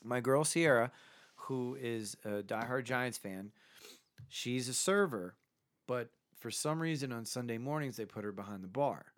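Co-hosting a casual sports podcast, a man with a medium-pitched voice and measured pace tells a story from his bartending days. He's an animated storyteller who swears freely and acts out the quotes.

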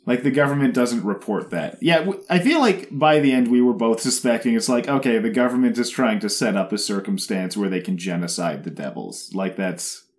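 A man co-hosting a casual recap chat, sarcastic and rambling, mocking the scenes he describes. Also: mid-range voice. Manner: sarcastic, rambling, mocks scenes with quick put-on voices. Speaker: podcast co-host.

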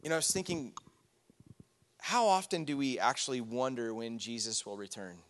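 With a mid-range voice and moderate pace, this man preaches to his congregation in a chatty, informal way, weaving in stories from his own life along with asides and fillers. He is a pastor in a church sanctuary, captured with the long reverb of the hall.

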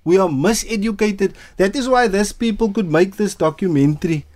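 A man's voice: sits high, moderate pace, a little mellow, no echo. A man with a Cape Town Coloured South African accent, speaking emphatically in impassioned conversation and repeating phrases to press his point. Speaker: community activist interviewee.

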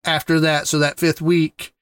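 A man's voice: a little high, level tone, normal speed, a bit bright, clean tone, no room sound. A man co-hosting a gaming podcast in casual chat, easygoing, repeating words and laughing often. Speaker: podcast co-host.

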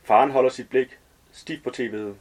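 A male author calmly reading narration from his own novel. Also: medium pitch, husky.

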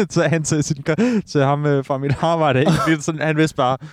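A man's voice: a little high, no room sound, clean studio sound. A young man in casual podcast chat, telling anecdotes and laughing often. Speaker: podcast co-host.

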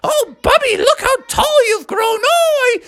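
A man voicing Molly, a cheerful, fussing farm-wife bear, in a high falsetto. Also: expressive, takes it slowly, a bit bright, heavily acted. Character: jolly folksy farmer bear aunt.

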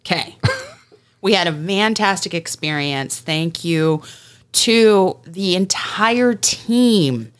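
Lively low-voiced woman podcast host. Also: slow pace. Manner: bubbly, laughs easily, expressive. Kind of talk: casual podcast chat.

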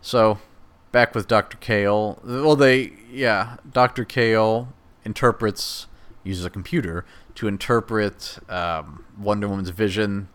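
A man's voice: fairly low pitch, fairly even intonation, unhurried, a bit bright. A man hosting a podcast, casually recapping a movie plot in a rambling, chatty way and voicing the characters' lines as he goes. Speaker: podcast host.

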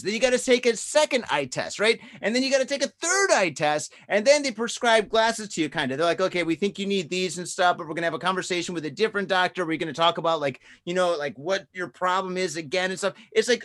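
A podcast co-host in his forties rambles through a profane story in casual chat, sprinkling in "dude" and "man." His voice is high and a bit bright.

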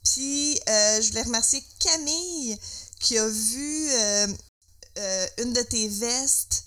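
A woman's voice: fairly high pitch, slow pace, bright, forceful tone, clean tone. A young woman with a Québécois accent co-hosting a podcast, chatting casually and rambling with fillers and English words. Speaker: podcast co-host. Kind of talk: casual chat.

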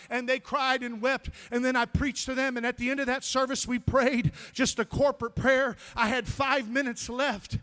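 A male pastor preaching an impassioned sermon, building up to shouted commands and telling a story from his ministry. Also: very high-pitched.

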